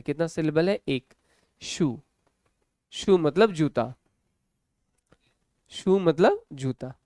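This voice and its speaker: Indian male English tutor, clear close voice, dry sound, slow drilling of words. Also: fairly high pitch, a little mellow, dry recording. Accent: Hindi-speaking North Indian. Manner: drills words slowly, asks and answers own questions. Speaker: English teacher. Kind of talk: online class lecture.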